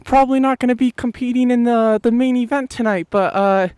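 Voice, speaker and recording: A man voicing a hyped male monster truck arena announcer in an improvised role-play, with a drawn-out, booming showman delivery. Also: darkish tone, clear, resonant tone, no echo.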